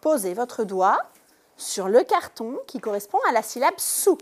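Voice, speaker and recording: A woman teacher giving a lesson to young pupils in a classroom, speaking slowly and clearly and stressing each syllable. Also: a little high, big pitch swings, slight background noise. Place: primary school classroom.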